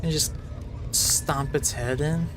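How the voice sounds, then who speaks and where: A man's voice: on the high side, steady tone, slow pace, crowd noise. Wry man commentating over game music. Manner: wry, joking asides. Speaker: gaming video host.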